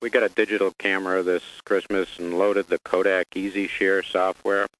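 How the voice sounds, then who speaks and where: A man's voice: low-pitched, little pitch movement, normal speed, fairly bright tone, low-quality recording. A man calling in to a radio show, asking a hesitant, polite question.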